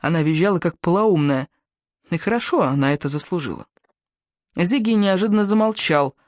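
A woman narrating an audiobook in an even, measured storytelling manner. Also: fairly low pitch, dry recording. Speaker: audiobook reader. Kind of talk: scripted narration.

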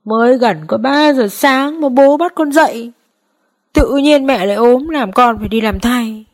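A woman's voice: fairly high pitch, unhurried, a little mellow, pitched above the performer's own voice. A woman voicing a tired, sulky teenage son who complains, in a spoken story. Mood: whiny. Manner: whiny complaining.

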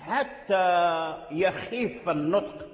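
A man's voice: high-pitched, animated, extremely slow. A man with a Moroccan accent teaching Quran recitation rules. He repeats words several times and stretches out the sounds to show how they are pronounced. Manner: repeats and drawls out sounds to demonstrate pronunciation. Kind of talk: explanatory lesson on recitation rules. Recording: echoey hall with long reverb.

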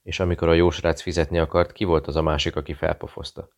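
A composed British investigator in an audiobook, as a male narrator puts him on. He talks in a smooth, friendly and quietly persuasive way. The voice is very low and gravelly. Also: little pitch movement. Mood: probing. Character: cool British male investigator posing as journalist.

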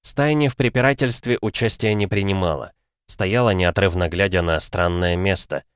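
A man narrating a fantasy audiobook in a measured, even storytelling manner. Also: low voice, clear, resonant tone, no echo, studio quality.

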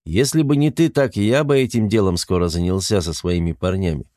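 A graying crime boss in his fifties, read by a male narrator, with a velvety, polished announcer's voice that sits low and warm. He speaks unhurried and measured, calm with a quiet menace behind every line. The audiobook sound is close and dry. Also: no room sound, close to an everyday voice. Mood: calm, knowing. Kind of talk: audiobook character voice.

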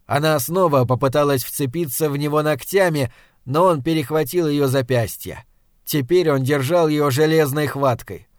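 A man narrating an audiobook in a measured, dramatic storytelling manner. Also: on the high side, no room sound, clean studio sound. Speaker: audiobook reader. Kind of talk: scripted narration.

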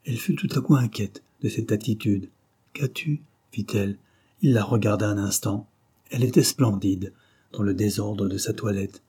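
A man reading a classic novel aloud as an audiobook narrator, measured and dramatic. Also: lowish voice, fairly even intonation, warm tone, breathy edge.

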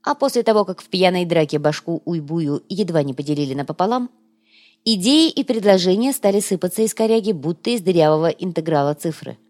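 Woman, audiobook narrator, lively reading, low voice. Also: fairly quick. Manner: lively, character-driven reading. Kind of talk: scripted narration.

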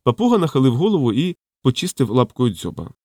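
A man narrating an audiobook in a steady storytelling manner. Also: medium pitch, fast talker, no echo, studio quality. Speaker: audiobook reader.

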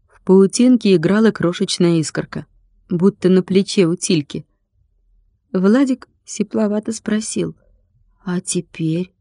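A woman reading a children's story aloud as an audiobook narrator, in a calm, even storytelling manner. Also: medium pitch, unhurried, no echo, clean studio sound. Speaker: audiobook reader.

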